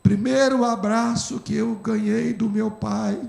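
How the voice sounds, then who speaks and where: A man's voice: sits high, steady tone, takes it slowly, gravelly, darkish tone. A man with a Brazilian accent preaching a sermon as pastor, telling an emotional story with emphasis. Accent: Brazilian Portuguese. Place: church. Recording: echoey church hall.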